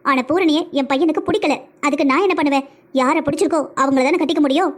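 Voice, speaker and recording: A woman's voice: high-pitched, quick pace, lightly acted. A woman voicing a middle-aged mother and mother-in-law in a cartoon family drama, reproachful and emotional. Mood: indignant.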